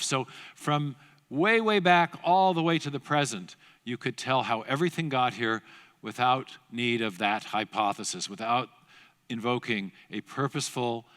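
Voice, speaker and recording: A man's voice: medium pitch, fairly bright tone. A middle-aged man giving a lecture-style talk at a church seminar, telling a history story with restarts and asides. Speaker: guest speaker at a church seminar. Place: large church auditorium. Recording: long hall reverb.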